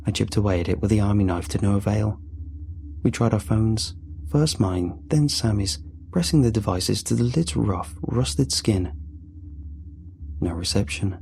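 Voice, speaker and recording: Gravelly low-voiced man narrating horror. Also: measured pace, a little mellow, slight background noise. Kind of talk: scripted horror story narration.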